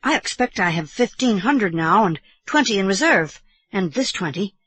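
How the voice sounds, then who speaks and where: A woman's voice: mid-range voice, lively intonation, normal speed, fairly bright tone, husky, pitched above the performer's own voice. A woman playing a grave, insistent young English boy with secrets, in a storybook reading. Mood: serious, eager.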